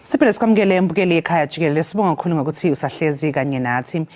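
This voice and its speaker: A woman's voice: low-pitched, racing, darkish tone, faint music behind. A woman with a Zulu accent presenting and interviewing on a broadcast morning news show.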